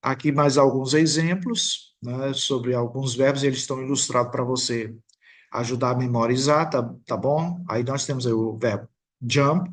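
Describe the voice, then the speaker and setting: A man from Brazil narrates a slide lesson on English grammar in an even, mid-pitched voice. He speaks slowly and patiently, with a Brazilian Portuguese accent on the English examples, and checks in with the listener often. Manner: slow, patient explaining with frequent "tá bom?" check-ins. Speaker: English teacher. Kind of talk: recorded video lesson.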